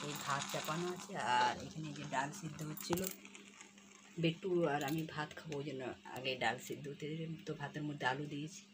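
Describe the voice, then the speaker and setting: A woman chats casually to viewers from her kitchen, filming on a phone while she coaxes her pet parrot in high baby talk. Her throat is a little sore. Steady noise sits under the home recording. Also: brisk. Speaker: pet vlogger. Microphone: phone camera.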